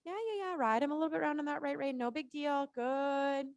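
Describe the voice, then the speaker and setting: A woman's voice: high voice, fairly quick, slight background noise. A woman working as a riding coach, calling out short, repeated cues live in an encouraging, informal and reassuring way.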